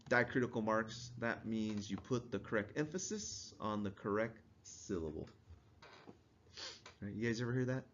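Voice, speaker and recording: A man gives a casual classroom lecture in a fairly low voice, stopping to quiz his students and chuckling along the way. The recording is dull and lo-fi, with a faint hiss underneath. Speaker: instructor.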